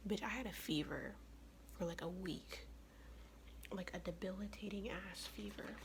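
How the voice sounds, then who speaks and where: A young woman from the United States whispering in a close, raspy ASMR voice, her throat worn from illness, telling a blunt, profane, chatty story. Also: medium pitch, steady tone, moderate pace, heavy background noise. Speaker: ASMR vlogger.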